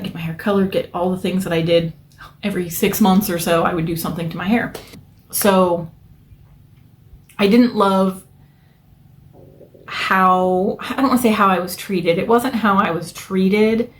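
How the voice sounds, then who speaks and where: A young adult woman vlogging from home in front of her polish wall, telling a long story in a rambling, chatty way, full of fillers and restarts, a little self-conscious. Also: mid-range voice. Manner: self-conscious, nervous hand habit. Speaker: nail art vlogger. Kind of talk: casual storytelling vlog.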